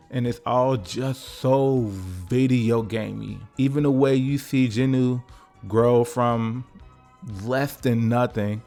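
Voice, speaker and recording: Gravelly-voiced man joking through an essay. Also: mid-range voice, darkish tone. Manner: joking, profane, conversational asides. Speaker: video essay narrator. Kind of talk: casual comedic video essay narration.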